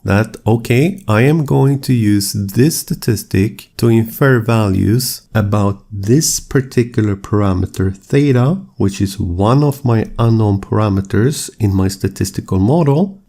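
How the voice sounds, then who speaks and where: A man explaining statistics as a lecturer, in a measured, steady, explanatory way. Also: lowish voice, creaky. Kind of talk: scripted lecture narration.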